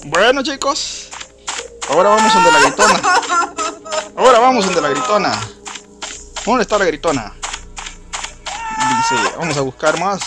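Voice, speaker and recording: A man giving casual gameplay commentary, joking, talking to his character and shouting at the game. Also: high voice, sing-song, measured pace, pauses often, heavy background noise. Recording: loud game music under the voice.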